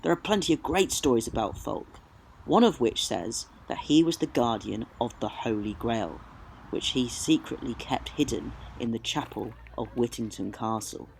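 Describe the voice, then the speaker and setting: Slight background noise and low-quality sound accompany this countryside travel vlog, where a male storyteller and presenter speaks with a theatrical manner. His voice is medium-pitched with vocal fry, animated and moderately paced, shifting between narration and on-location talk.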